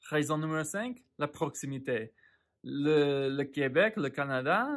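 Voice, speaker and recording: A man speaking in a middle-pitched voice lays out his reasons as a French learner, one after another. He stops often and repeats words while he hunts for the next one. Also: a bit bright. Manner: halting, repeats words while searching for them. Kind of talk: explaining his reasons in a monologue. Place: lives in the United States.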